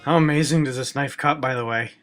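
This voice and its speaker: In this cooking video, a man with a mid-range voice talks fast as he walks through a recipe step by step, tossing in wry, self-deprecating jokes. Faint music plays behind him.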